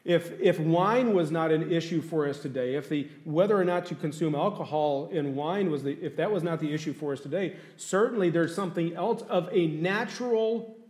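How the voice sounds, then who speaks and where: Slightly high and darkish in tone, this man's voice delivers a sermon in a chatty style, often asking the congregation questions. The room around him is echoey.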